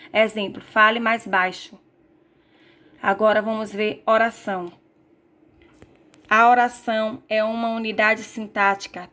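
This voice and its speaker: Woman, Brazilian accent, teacher, recorded lesson, reads slides with small self-corrections, monotone delivery. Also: medium pitch. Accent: Brazilian Portuguese.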